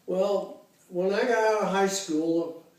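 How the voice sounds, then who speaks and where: A man in his eighties from Cincinnati, Ohio, reminisces slowly with a soft, mellow tone that sits a little high for a man. He pauses often and fills gaps with "uh" and "um" as he recalls his life. He sounds distant from the mic in a very echoey room. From Cincinnati, Ohio, USA. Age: 80s. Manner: unhurried, halting, reminiscing with many fillers. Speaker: interviewee. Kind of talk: casual oral history interview.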